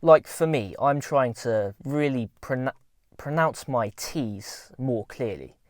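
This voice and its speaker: A man's voice: medium pitch, lively intonation, takes it slowly, dry recording, clean studio sound. A young man talking casually to camera, giving earnest, informal self-improvement advice.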